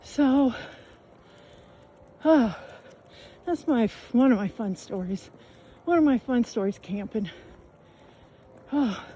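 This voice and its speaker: A woman talks as she walks along an outdoor trail, a little out of breath, her story loose and colloquial and full of fillers. Her voice sits fairly high but sounds mellow, and she takes her time. Faint outdoor noise hangs behind her. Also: expressive, slow, pauses often. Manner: rambling, colloquial, with frequent fillers and laughs. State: out of breath from walking. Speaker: vlogger telling a camping story. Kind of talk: casual storytelling while walking outdoors.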